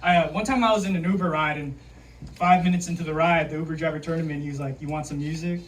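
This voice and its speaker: A man doing a stand-up comedy set with dry, deadpan one-liners and an understated delivery, with audience laughter between the jokes. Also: on the high side, fast. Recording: distant mic, loud background noise.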